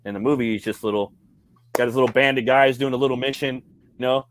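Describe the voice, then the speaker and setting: A man's voice: medium pitch, steady tone, fast talker. A man co-hosting a podcast, rambling and swearing as he chats casually about films. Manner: rambling, heavy swearing, slangy. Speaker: podcast co-host. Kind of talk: casual movie chat.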